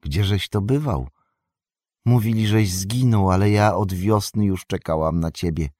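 A man voicing a young female hobbit, patient and teasing, softly reproachful. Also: lowish voice, measured pace, no echo, studio quality.

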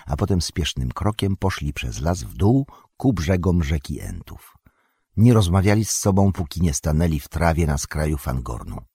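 A man narrating an audiobook in an even storytelling manner. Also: extremely low pitch, husky, dry recording, studio quality. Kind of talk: scripted narration.

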